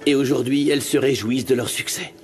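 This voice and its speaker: A man's voice: medium pitch, steady tone, fast, soft background music, natural voice. An actor playing a fiancé who proudly praises his future wife, in a dubbed telenovela. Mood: affectionate. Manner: warm praise.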